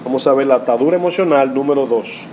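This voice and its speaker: A man preaching a sermon as pastor, at a mid pitch, in a steady teaching manner that leans on rhetorical questions. He reads scripture aloud and explains it to the congregation. A faint air-conditioning hum sits behind his voice. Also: quick pace. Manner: rhetorical, teaching tone with frequent "¿verdad?" tags.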